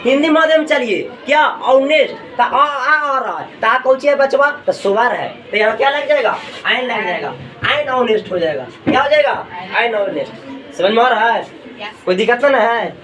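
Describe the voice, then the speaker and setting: A man's voice: extremely high pitch, expressive, normal speed, a bit bright, a little hiss or hum. A male teacher leads a classroom lesson, asking and answering his own questions over and over. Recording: echoey room, mic far off. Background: students in the room.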